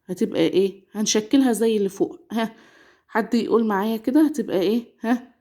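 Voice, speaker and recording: A young woman with an Egyptian accent teaching children to read, sounding out syllables slowly and often checking that the class is following. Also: on the high side, dark tone. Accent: Egyptian Arabic. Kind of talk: children's reading lesson.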